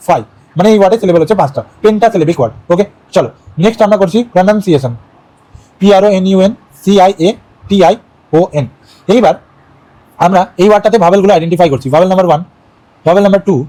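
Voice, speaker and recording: A man's voice: sits high, warm tone, rough recording. A man with a Bangladeshi Bengali accent teaching English syllable rules, repeating key phrases and quizzing the viewer. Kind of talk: online lesson.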